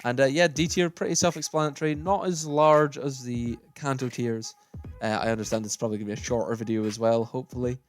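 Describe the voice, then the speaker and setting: Man, gaming video host, casual tier-list chat, opinionated, thinking aloud, mid pitch, faint music behind. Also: fairly even intonation, quick pace. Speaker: gaming YouTuber.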